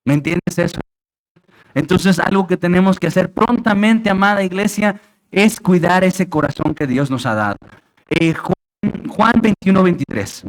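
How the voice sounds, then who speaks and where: A man's voice: high voice, a little slow, low-quality recording. A man preaching a sermon as pastor of a church, emphatic, asking the congregation rhetorical questions. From Mexico. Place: church sanctuary.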